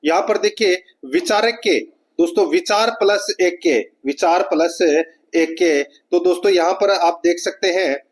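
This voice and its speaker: A man with a Rajasthani Hindi accent teaching an exam prep lesson, reading out each question and explaining the answer, often calling his viewers friends. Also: high voice. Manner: repetitive, keeps addressing viewers as friends.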